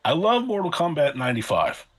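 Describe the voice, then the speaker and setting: A man with a husky voice whose pitch moves in a lively way. He gives earnest, firm opinions on a casual stream. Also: fairly quick. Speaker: guest author. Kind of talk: casual live-stream chat.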